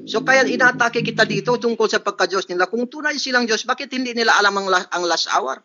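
Guy in an online debate, sharp bright voice, keeps objecting, lo-fi sound. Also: extremely high pitch, quick pace. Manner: insistent, raising objections. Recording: dull lo-fi call audio.

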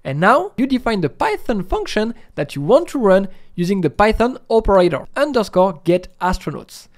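In this step-by-step software tutorial, a high-voiced man walks through each stage instructionally, his intonation rising and falling widely. He sounds very animated and talks at a normal speed.

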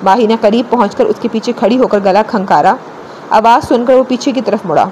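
A woman narrator reading a romance novel aloud in an even storytelling manner. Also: on the high side, a little hiss or hum, rough recording. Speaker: audiobook narrator.

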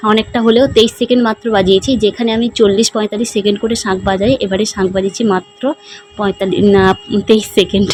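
A woman's voice: mid-range voice, darkish tone, slight background noise, rough recording. A young woman vlogger chatting casually about her day, with many fillers, her voice strained from announcing. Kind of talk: casual vlog narration.

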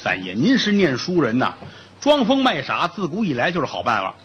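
A man's voice: on the high side, wildly swooping pitch, a little fast, a bit bright, dull audio, a little hiss or hum. A man voicing a boastful, streetwise male prison inmate in a comic told story. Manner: brash, jokey.

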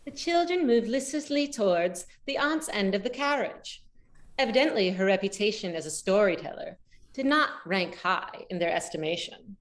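A woman narrating a story aloud in a measured, expressive way. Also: mid-range voice.

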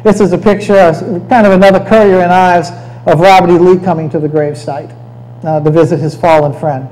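Mellow-voiced man lecturing on history. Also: sits high, fairly even intonation, a little fast, low-quality recording. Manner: conversational, frequent "okay?" check-ins. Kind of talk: lecture with slides.

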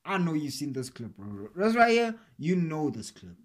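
A young man hosting a reaction video, reacting casually in excitable slang and calling out "hey, bro" again and again. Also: fairly high pitch, moderate pace. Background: clear music from the clip being watched.

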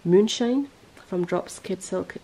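A woman hosting a podcast in casual chat, rambling and correcting herself as she goes, her voice a little hoarse. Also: medium pitch, takes it slowly, dark tone, poor audio. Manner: chatty, rambling, self-correcting. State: voice going hoarse. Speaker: podcast host.

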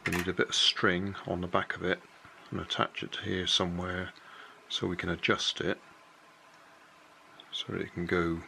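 A man's voice: low-pitched, level tone, normal speed, vocal fry, noisy background. An older man casually walking through a hobby build at a kitchen table, explaining each step plainly and unhurriedly, correcting himself as he goes.

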